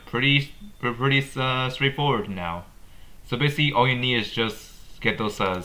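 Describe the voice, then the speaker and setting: A man with a lowish voice hosts a gaming video, giving casual commentary on updates in a pushed, bright tone. He speaks haltingly, often repeating and rephrasing what he says.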